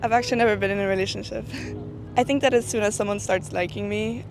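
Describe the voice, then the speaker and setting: A woman from Norway, interviewed on camera, answering candidly with laughs and hesitant pauses. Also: mid-range voice, fairly even intonation. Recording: interview clip with loud music behind.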